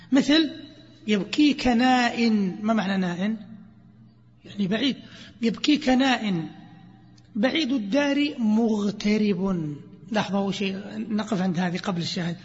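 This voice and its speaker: A man teaching a grammar lesson, questioning his students and reciting verses slowly. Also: sits high. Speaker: sheikh teaching Arabic grammar. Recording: dull lo-fi sound, long hall reverb.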